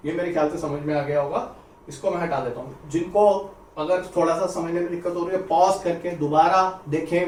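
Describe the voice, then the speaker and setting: A man's voice: on the high side, a little hiss or hum. A man teaching a biology lesson for exam students, repeating points, drawing out key terms and mixing English words into his explanation. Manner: repeats points, urges students to listen carefully; stretches out key terms slowly. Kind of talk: exam-prep biology lecture. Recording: roomy echo, somewhat distant mic, faint ambience.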